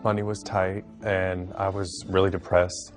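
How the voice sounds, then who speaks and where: A young man in his twenties recalling past events in an interview, in a measured, reflective way. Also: soft background music. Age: 20s. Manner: low, flat, measured, reflective. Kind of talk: interview recollection.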